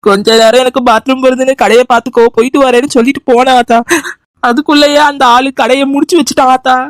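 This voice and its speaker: Woman voicing a distraught cartoon son, wailing, fairly high voice. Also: steady tone, fast, no echo, studio quality, close to an everyday voice. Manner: wailing, complaining. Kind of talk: cartoon comedy voice acting.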